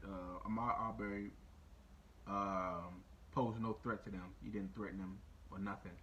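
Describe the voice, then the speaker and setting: Male podcast host, casual rant, swearing a lot, lively pitch that leaps up, repeats himself. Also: muffled recording, slight background noise. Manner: animated, profane, repeats points, voice jumps high when incredulous.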